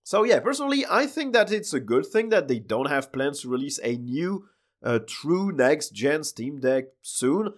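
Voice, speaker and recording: Hoarse French man hosting a podcast. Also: a little high, very animated, normal speed. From France. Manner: chatty, loose, trails off with fillers. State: hoarse, sick voice. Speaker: podcast host. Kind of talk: solo tech news podcast.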